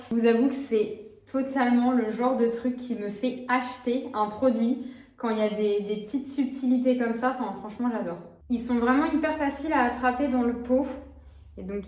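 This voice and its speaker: A woman's voice: on the high side, mellow, echoey room. A woman in her twenties chatting casually as a beauty vlogger, with frequent hesitations. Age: 20s. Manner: chatty, frequent "euh" fillers. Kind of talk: casual vlog chat.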